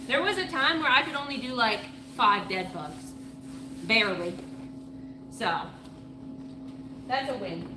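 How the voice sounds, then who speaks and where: Livestreaming her workout from an indoor gym, a woman in her late twenties keeps up informal chatter and frequently repeats herself. She sounds fairly high and expressive, speaking at a measured pace with long pauses. Gym noise runs in the background and the mic distance varies.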